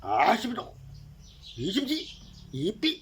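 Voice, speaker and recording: A man's voice: slow pace, noisy background. A man, vlogging while cooking and joking playfully, teasing and making silly sound effects. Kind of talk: joking casual monologue.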